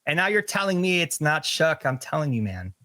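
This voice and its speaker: A man's voice: on the high side, sing-song, a little fast, bright, forceful tone, no room sound. A man co-hosting a casual podcast, joking and insisting on his point, often laughing. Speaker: podcast co-host. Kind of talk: casual fantasy sports chat.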